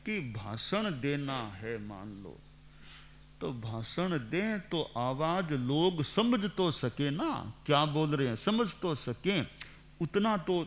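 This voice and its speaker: A man in his sixties, a monk giving a measured, didactic sermon into a microphone and repeating phrases for emphasis. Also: fairly high pitch. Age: 60s. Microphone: speaking into a microphone.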